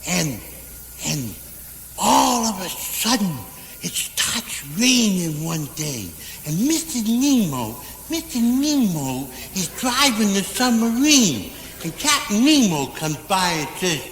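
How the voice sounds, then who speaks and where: A man playing a goofy, dim-witted, sweet-natured barfly in a 1960s TV comedy sketch, telling a rambling pun-filled story in a high, nasal, childlike voice. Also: sing-song, takes it slowly, a bit bright, a little hiss or hum, exaggerated voice. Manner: rambling joke-telling with groan-worthy puns. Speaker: comic barroom character. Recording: echoey 1960s TV studio stage. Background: studio audience laughter.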